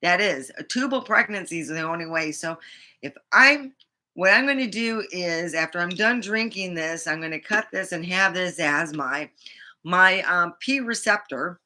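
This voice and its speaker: Rambling middle-aged American woman, bright forceful voice. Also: lowish voice, animated, normal speed. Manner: rambling, blunt, profane. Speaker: vlogger. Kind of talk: casual chat to camera.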